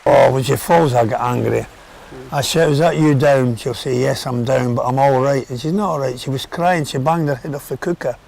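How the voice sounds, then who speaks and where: A man's voice: medium pitch, a little fast, creaky, darkish tone, slight background noise, poor audio. An older man, talking bluntly and with exasperation about caring for his wife in a documentary interview. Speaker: husband and carer.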